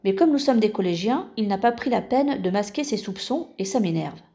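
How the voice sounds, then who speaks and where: Woman reading a blunt determined schoolgirl, direct, mellow dark voice, storybook. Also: medium pitch, lively intonation, a little fast, close to an everyday voice. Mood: firm. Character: teenage girl, determined and blunt.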